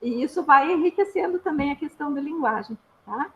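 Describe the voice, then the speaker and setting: Woman, Brazilian accent, speech therapist, high-pitched, patient explanatory talk, tag questions. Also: expressive, a little fast, a bit bright, slight background noise, rough recording. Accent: Brazilian Portuguese. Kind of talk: informal explanatory presentation.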